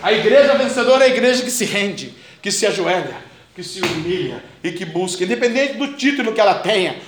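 Paulistano preacher guy, really high voice, fired up sermon, echoey room. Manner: fervent, repetitive, building to shouts. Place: church.

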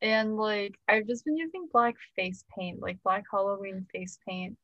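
A woman's voice: medium pitch, steady tone, measured pace, dry recording. Young woman podcast co-host, casual self-mocking chat, muffled lo-fi audio. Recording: dull lo-fi sound.

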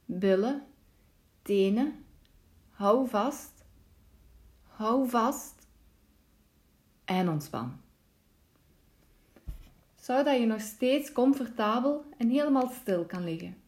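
A woman serves as a yoga nidra instructor, leading a guided relaxation meditation. Her instructions come out calm, soothing and measured, in a medium pitch.

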